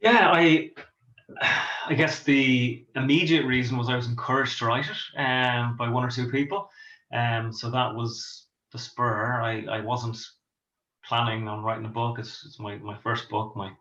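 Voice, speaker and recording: A man's voice: mid-range voice, steady tone, measured pace, a bit bright. A middle-aged Irish man from Dublin, a pastor and author, answering interview questions with many ums and restarts. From Ireland. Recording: echoey, dull lo-fi sound.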